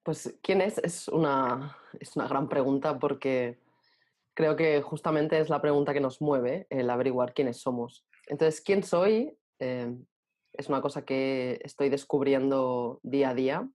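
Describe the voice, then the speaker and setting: Woman, 40s, deep for a woman, thoughtful interview guest. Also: darkish tone. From Barcelona, Spain. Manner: thoughtful, searching for words with many pauses and restarts. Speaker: guest author. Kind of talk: reflective interview answers.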